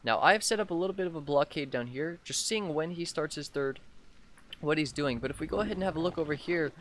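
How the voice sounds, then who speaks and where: A hoarse young man, sick with a sore throat, giving casual commentary on his own strategy game match as a channel host, with lots of um fillers. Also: fairly high pitch, quick pace. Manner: rambling with many "um" fillers.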